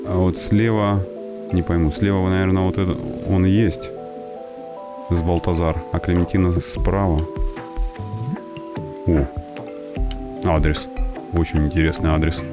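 A man with a deep voice narrates a game playthrough. He talks casually and thinks aloud in an informal way, with music clearly audible behind him. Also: level tone, unhurried, long pauses. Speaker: gaming host.

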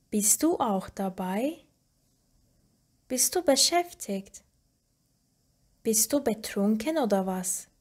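A woman reading short example sentences one by one for a language lesson, slowly and deliberately with pauses. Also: a little high, a little mellow. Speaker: language teacher.

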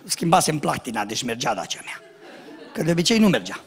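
A man preaching a sermon as pastor, telling jokes and acting out shouted lines and dialogue. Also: a little high, vocal fry. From Romania. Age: young adult. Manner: animated storytelling, acts out shouts and dialogue, jokes.

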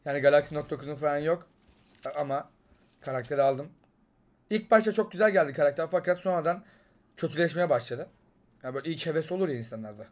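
Excitable young Turkish gamer. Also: male voice, on the high side, quick pace, pauses often. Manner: excitable, jumps between loud outbursts and muttering. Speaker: gaming YouTuber. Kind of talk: excited gameplay commentary.

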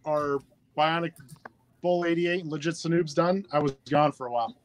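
A man's voice: a little high, steady tone, moderate pace, a little hiss or hum, low-quality recording. A man hosting a live stream giveaway in a casual, chatty and upbeat way, talking into a phone. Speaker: livestream giveaway host.

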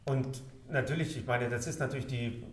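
A man's voice: mid-range voice, a little fast. A man hosting a conversation with musicians, asking questions casually with many fillers. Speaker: pianist host. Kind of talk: casual interview talk. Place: living room with a piano and plants. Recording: echoey room, faint hiss.

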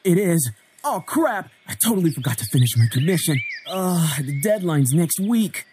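A man's voice: fairly high pitch, sing-song, moderate pace, background noise. A man in his twenties voicing a joking, playful young husband in an indie game, teasing and wisecracking. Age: 20s.

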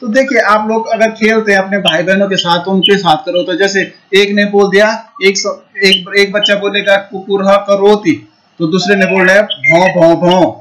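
High bright-voiced male children's teacher. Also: fairly even intonation, normal speed. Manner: coaxing, repeats prompts and imitates animal sounds. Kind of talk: online Sanskrit lesson for young children.

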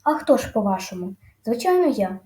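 A woman's voice: a little high, very animated, brisk, dark tone, reverberant. A woman voicing a scared, sobbing boy prankster in a storybook reading, whining and pleading. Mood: sulky boasting.

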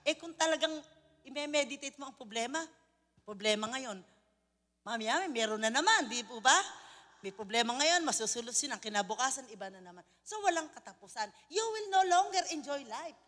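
High-voiced Filipino woman preaching in reverberant hall. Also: a little fast. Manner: animated storytelling, mixing in laughter and English phrases. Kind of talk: sermon.

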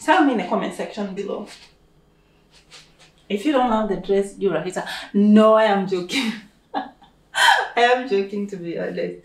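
This vlogger, a young woman with a Kenyan accent, speaks in an expressive mid-range voice at normal speed, leaving long pauses. She's playful, gushing, and self-hyping in a casual chat to camera in her living room, captured by the camera's mic a few feet away in an echoey room.

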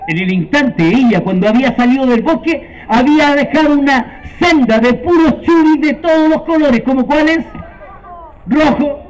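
A male storyteller with a Chilean accent narrates a fairy tale live, playful and animated, quizzing his listeners. His voice sits very high for a man. The recording is dull and lo-fi. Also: normal speed. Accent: Chilean Spanish.

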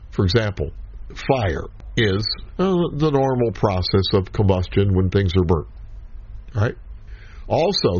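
A man gives a Bible study lecture in a slow, measured way, leaving pauses between short phrases. His voice sits fairly low, and the recording sounds dull and lo-fi. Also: darkish tone. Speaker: Bible teacher.

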